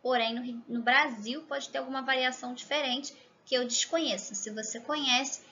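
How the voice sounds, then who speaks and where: A Brazilian woman from Rio de Janeiro with a Rio accent, teaching a language lesson to camera, chatty and checking in often with the viewer, slowing down to exaggerate pronunciation. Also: high-pitched, fairly even intonation, bright, forceful tone, dull audio. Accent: Rio de Janeiro Portuguese. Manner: slow, exaggerated demonstration of pronunciation. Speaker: Spanish teacher.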